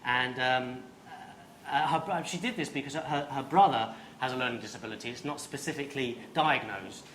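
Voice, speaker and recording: Comedian panelist, man, bright, hesitant and rambling, roomy live sound. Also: mid-range voice, fairly quick, a little hiss or hum. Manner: hesitant, rambling, self-deprecating. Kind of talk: live panel show chat.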